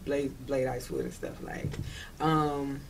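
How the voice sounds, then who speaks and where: This woman has a bass voice, very animated yet a little slow and creaky, recorded with slight background noise. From Detroit, United States, she chats casually as an interview guest in a Detroit accent, speaking emphatically with slang and often checking the listener follows.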